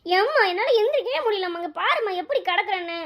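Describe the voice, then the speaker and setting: A woman's voice: very high-pitched, lively intonation, quick pace, a bit bright. A woman voicing a young schoolgirl in a cartoon, whining and pleading with her mother. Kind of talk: cartoon voice acting.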